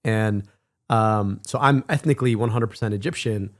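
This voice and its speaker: A man in his thirties from Michigan, giving animated casual commentary on a clip and repeating words as he gets going. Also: lowish voice, moderate pace. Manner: animated, emphatic, repeats words when excited. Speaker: stream co-host reacting to clips.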